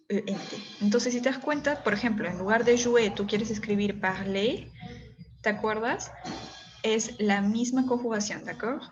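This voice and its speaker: Patient woman teaching French, slow and clear. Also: on the high side, dull audio. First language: Spanish. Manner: patient, explains and repeats slowly, checks with "ok". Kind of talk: recorded online French lesson.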